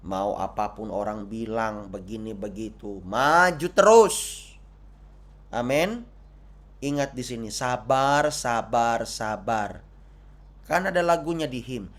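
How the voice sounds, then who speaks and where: A male pastor giving a sermon with slow, repetitive phrasing and playful asides. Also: fairly low pitch.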